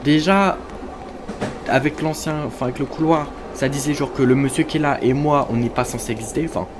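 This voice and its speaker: A man's voice: a little high, a little fast. A man casually commenting on his own gameplay, chatty and self-mocking, talking to his viewers. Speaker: gamer. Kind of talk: casual let's-play commentary. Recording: noticeable background noise.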